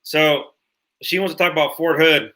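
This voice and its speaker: His voice sits on the high side, pushed and bright but steady, at a normal speed. He's a man in his late thirties chatting on a casual livestream podcast, rambling, swearing freely, and repeating himself.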